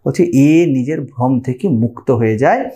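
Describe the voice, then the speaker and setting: A male spiritual teacher with a Bengali accent walks through scripture in a step-by-step lecture, regularly checking in with rhetorical questions. His mid-range voice is mellow and expressive, and he speaks at a normal speed.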